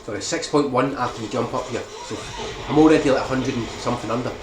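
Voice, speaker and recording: A man's voice: mid-range voice, steady tone, quick pace. A man narrating a game tutorial, walking through a speedrun strategy and often checking in with "right?". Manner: explanatory, keeps checking in with "right?". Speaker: speedrun guide maker. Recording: echoey room with background noise.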